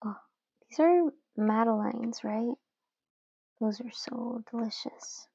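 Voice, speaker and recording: A young woman chatting casually while she journals at home, relaxed and giggly, with lots of fillers. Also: fairly high pitch, takes it slowly, creaky, breathy edge, no room sound, highs cut off. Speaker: journaling channel host.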